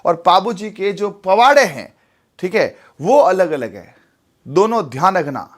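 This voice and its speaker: A man's voice: high voice, lively intonation, a little slow, a bit bright. A young man, teaching an exam-prep class in a chatty way and often checking with his students. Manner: chatty, repeats tag questions like "theek hai". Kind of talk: live exam-prep lesson.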